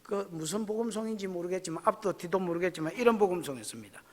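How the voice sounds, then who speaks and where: High-voiced pastor. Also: male voice, lively intonation, very fast, darkish tone. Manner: folksy, emphatic, asks the congregation questions. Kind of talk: sermon. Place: church service. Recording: echoey church hall.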